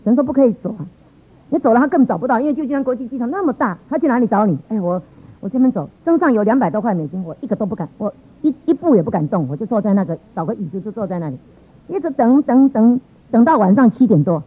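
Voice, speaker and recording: A woman's voice: a little high, quick pace, husky. Middle-aged woman telling her story, tinny sound. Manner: lively, exclamatory, laughs often. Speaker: church member giving a testimony. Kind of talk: personal testimony storytelling.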